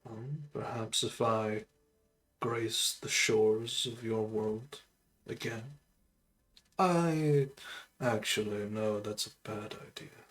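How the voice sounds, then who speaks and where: A man doing a slow undead sorcerer lord. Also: fairly low pitch, steady tone, fairly bright tone, rough recording. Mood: playful. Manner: slow, measured, grandiose. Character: undead male sorcerer lord, cursed and hungry. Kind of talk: voicing a character in a tabletop game.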